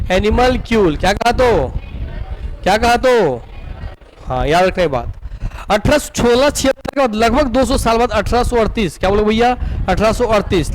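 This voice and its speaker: A man's voice: sits high, slight background noise. A male teacher with a Chhattisgarh Hindi accent giving a classroom lecture, asking questions over and over and answering them himself. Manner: drills students with repeated questions and answers. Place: coaching classroom.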